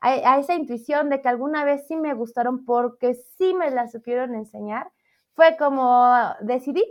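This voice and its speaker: A woman, a math teacher, chatting in an interview about her career path in a lively, self-deprecating way. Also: sits high, moderate pace. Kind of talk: casual interview chat. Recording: slightly dull lo-fi audio.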